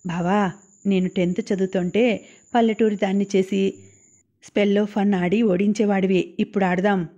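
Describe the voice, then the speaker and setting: A woman reading the lines of a spirited young female college student in an audiobook novel, in an even, plain voice. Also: mid-range voice, moderate pace, highs cut off, lightly acted. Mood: playful.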